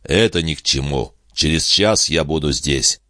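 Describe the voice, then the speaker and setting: A man reading a grave, gruff older farmer in an audiobook, terse and stern. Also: very deep voice, normal speed, bright, forceful tone, no echo, studio quality.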